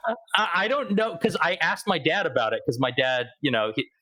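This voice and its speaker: Young male podcast guest, bright voice, rambling casual chat. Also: fairly high pitch, sing-song, fairly quick, slight background noise, poor audio. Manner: chatty, rambling, with fillers and laughs.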